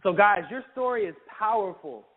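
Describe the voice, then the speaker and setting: A man leading an energetic business training talk, who keeps calling his listeners "guys". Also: sits high, moderate pace. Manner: energetic, keeps saying "guys", acts out sample calls. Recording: tinny phone-like sound.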